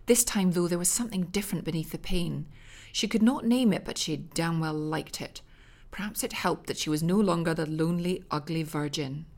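A woman narrating a comic audiobook, reading outrageous lines in a deadpan way. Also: sits low, moderate pace.

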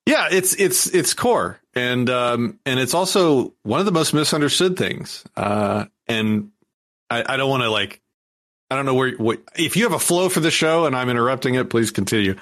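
On a podcast, a male guest rambles through an explanation of a topic in casual conversation, often restarting his sentences. His voice is medium-pitched and fairly bright, animated, at a moderate pace.

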